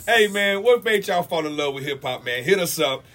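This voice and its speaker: A man hosting a radio show, playfully shouting out his guests. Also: high-pitched, lively intonation, fairly quick. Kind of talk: lively radio banter. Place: radio studio with several people.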